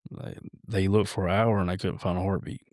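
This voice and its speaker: A lowish male voice, recounting his story as a podcast guest. He talks haltingly, stopping and restarting often. The sound is dry and close, with no room echo. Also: level tone, darkish tone. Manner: halting, with many restarts and fillers. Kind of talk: personal storytelling in an interview.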